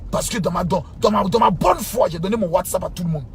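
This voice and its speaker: A pastor, a man, speaking to his followers in an impassioned, scolding rant. He repeats himself and swings from low muttering to shouting. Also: quick pace, creaky, slight background noise.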